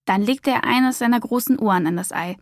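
A woman narrating a children's storybook in a calm, expressive reading voice. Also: a little high, brisk, no room sound, studio quality.

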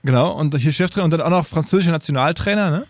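A man hosting a podcast interview with a fairly high voice and a chatty, searching way of asking. The sound is dry and close, with no room around it. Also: rapid-fire, dry recording. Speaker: podcast host. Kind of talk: casual interview questions.

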